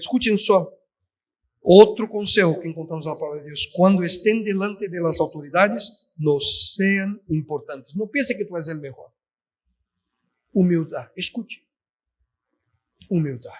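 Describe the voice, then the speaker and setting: Male preacher, high voice, emphatic sermon delivery. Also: moderate pace. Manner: emphatic, addresses listeners as "queridos". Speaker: pastor.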